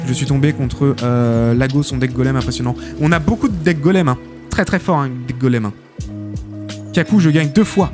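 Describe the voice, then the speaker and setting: A man casting a live esports tournament as host, excitable and chatty, full of filler interjections. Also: on the high side. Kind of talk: live game commentary. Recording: game music behind the voice. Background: game music.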